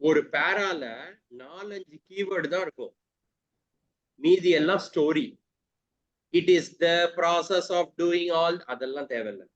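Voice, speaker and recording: A man's voice: a little high, very fast. A man with a South Indian Tamil accent teaching an exam class, mixing Tamil and English, repeating key terms and asking checking questions. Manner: switches between English and Tamil. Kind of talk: interactive exam coaching lesson. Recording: dull, lo-fi online class audio.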